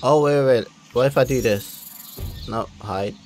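A man's voice: mid-range voice, moderate pace. A young man commenting casually as he plays a video game, exclaiming and reacting with slang. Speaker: gameplay streamer. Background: loud game music.

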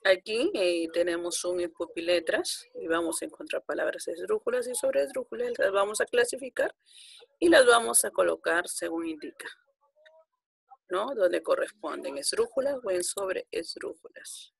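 A woman's voice: mid-range voice, moderate pace, creaky, breathy edge. A woman teaching a grammar lesson to primary school children, patiently counting out syllables one by one.

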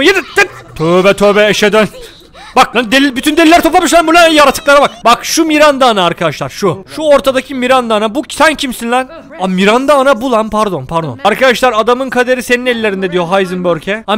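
A young man with a Turkish accent giving excitable, joking commentary while playing a game, often shouting at the characters. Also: extremely high pitch, fast talker, hardly any pauses. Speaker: gaming YouTuber. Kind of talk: let's play commentary.

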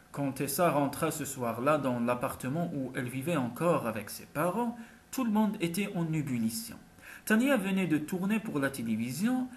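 A male audiobook narrator reading a novel aloud, with an expressive storytelling delivery. His voice sits a touch high for a man, and his pitch rises and falls in lively, animated sweeps. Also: slight background noise. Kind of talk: scripted narration.

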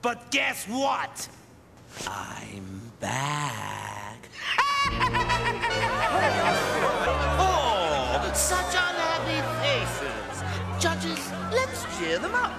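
The Joker, a cackling clown villain. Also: male voice, high-pitched, huge pitch swings, extremely slow, creaky, a faint crowd, exaggerated voice. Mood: gloating mania. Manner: giggling, sing-song, swings from purring to shrieking. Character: manic cackling male clown supervillain, theatrical and cruel. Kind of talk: animated series voice acting. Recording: loud cartoon soundtrack music under the voice. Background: orchestral score and sound effects.

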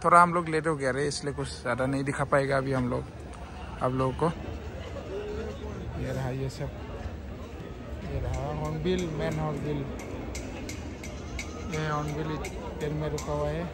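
Holding his phone camera at arm's length, a young man vlogs his travels casually, strolling outdoors by a busy festival and roadside. His slightly high voice stays level at a moderate pace with long pauses, while a loud crowd makes the recording noisy.

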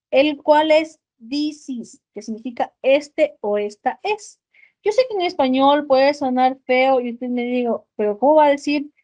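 A woman's voice: high-pitched, mellow, muffled recording. A woman with an Ecuadorian Spanish accent teaching an online English class, explaining in Spanish with English examples and often checking with "ok?".

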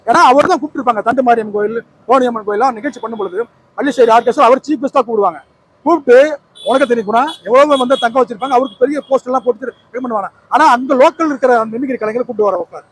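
A Tamil man with a very high voice rattles along quickly, reminiscing with heartfelt feeling at a memorial event. Faint ambient noise sits behind him. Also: a bit bright, poor audio. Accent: Tamil Nadu. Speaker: mimicry artist. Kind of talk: emotional tribute speech.

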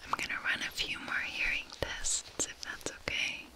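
A soft-spoken young woman doing a hushed, soothing whispered role-play as a gentle examiner, very close to a binaural microphone. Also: normal speed. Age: young adult. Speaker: ASMR performer playing a gentle examiner. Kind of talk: whispered role-play, ASMR hearing test. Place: small indoor room with curtain backdrop. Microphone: binaural microphone with ears, very close.

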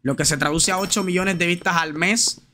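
A man's voice: sits high, steady tone, fairly quick, background noise. A man streaming a game live, chatting casually and slangily straight to his viewers and reading their messages aloud. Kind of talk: casual live gameplay chat.

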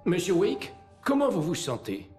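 A kindly older country doctor in a video game. His voice is high and swings widely as he reassures and questions, with music behind him. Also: huge pitch swings, normal speed. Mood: attentive, reassuring. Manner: attentive, reassuring.

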